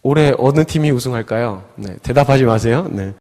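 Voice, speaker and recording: Speaking briskly in a mellow mid-range voice, the same kind of youth pastor delivers a storytelling sermon in a church sanctuary. He's chatty, leans on fillers, and performs the quotes as he goes, all under a long hall reverb.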